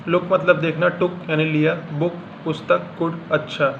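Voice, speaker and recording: A man teaching pronunciation in Hindi, reading out example words one at a time in a slow, deliberate way. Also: on the high side, little pitch movement, vocal fry. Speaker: English teacher. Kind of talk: classroom lesson explaining pronunciation. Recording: dull lo-fi sound with faint room hum.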